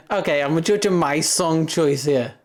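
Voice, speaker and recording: On a livestream, a deep-voiced young man talks slowly and casually to viewers, wandering from thought to thought with frequent laughter.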